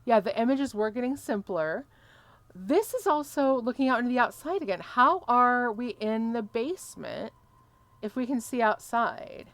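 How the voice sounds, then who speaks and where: A woman's voice: fairly high pitch, lively intonation, normal speed, no room sound. A woman commentating casually on a game as a streamer, reading dialogue choices aloud. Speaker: gaming streamer.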